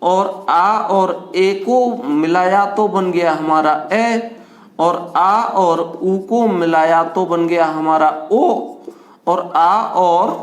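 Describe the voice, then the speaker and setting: High-voiced man teaching in an echoey room. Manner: asks the class questions and answers them himself, addresses students as beta; draws vowels out slowly to show their length. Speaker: Hindi grammar teacher. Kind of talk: classroom lecture. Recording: echoey classroom.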